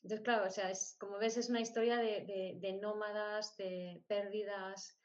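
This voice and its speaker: In dull, lo-fi audio, a middle-aged interview guest shares personal stories in conversation, speaking in short, often repeated phrases for emphasis. She was born in Spain and grew up moving from country to country. Her medium-pitched voice shows little pitch movement and keeps a moderate pace.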